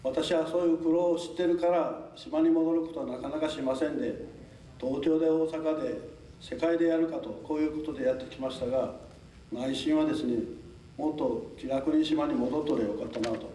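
A man's voice: on the high side, steady tone, fairly quick, mellow, slight background noise. An older man from a southern Japanese island giving a formal talk to a local audience, polite and chatty, with frequent chuckles and asides. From Tokunoshima, Amami Islands, Japan. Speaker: lecturer. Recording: echoey hall, mic at a distance.

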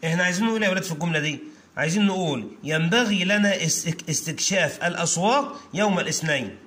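A man with an Egyptian Arabic accent teaching an English lesson to children. He repeats phrases slowly, word by word, and often calls out to his pupils. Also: high-pitched, pushed and bright.

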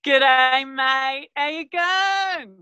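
A woman guest performs an improvised comedy character: a cheery, clueless Australian prepper with an Australian accent, chatting chummily over a video call from outdoors, rambling and calling everyone mate. Her full character voice sits high and sounds pushed and bright, delivered very slowly. The lo-fi audio has no echo.

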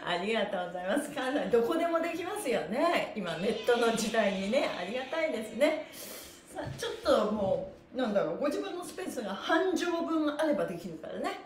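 Leading a live stretching class, a middle-aged woman speaks quickly with a high, very animated voice, cheerful, encouraging and polite, laughing often and jokingly attaching honorifics to body parts as she calls out counted chants for her livestream. Captured by a camera mic a few metres away in a small, bare-walled indoor room with a wooden floor, the sound is echoey with slight background noise.

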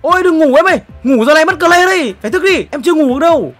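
A young man, streaming himself opening player packs in a football game. He is excitable and swings from loud exclamations to low muttering. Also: racing, faint music behind. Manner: excitable, exclamatory, jumps between shouting and muttering.

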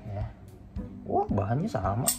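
A man's voice: fairly low pitch, wildly swooping pitch, measured pace, dull audio, over loud music. A young man casually chatting to viewers while unboxing a phone holder in a small room beside a motorbike. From Indonesia. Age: young adult. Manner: chatty, addresses viewers as guys. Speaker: motovlogger reviewing a phone holder. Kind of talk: casual Jakarta-slang unboxing chat.

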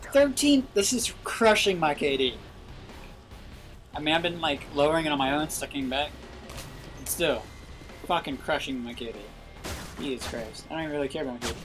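A young man giving live gameplay commentary, frustrated and swearing loudly at other players. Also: fairly high pitch, fairly quick, long pauses, over music. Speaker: gaming video host.

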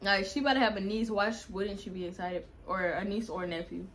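A woman's voice: mid-range voice, fairly even intonation, quick pace, a bit bright, a little hiss or hum. A young woman, casually telling a personal story to her viewers at home and calling them y'all. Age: young adult. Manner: chatty, addresses viewers as y'all. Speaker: vlogger.

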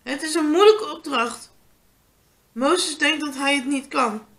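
Slow, bright-voiced woman reading aloud. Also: sits high. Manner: slow reading with stumbles and restarts. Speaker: vlogger reading a Bible story. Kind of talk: reading a children's Bible story aloud.

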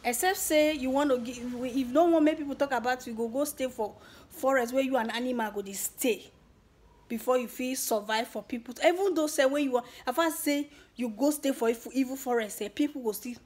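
A young woman with a Nigerian accent thanking her subscribers in a casual vlog, excited and emotional, slipping between Pidgin and English. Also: high voice, fairly quick. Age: young adult. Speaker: YouTuber.

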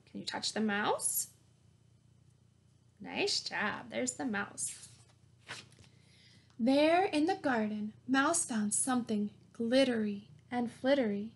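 In a small plain room at home, a woman in her thirties with a slightly high, gravelly, somewhat rough voice reads a picture book to young children. She draws them in with questions and prompts, picked up by a webcam held at arm's length.

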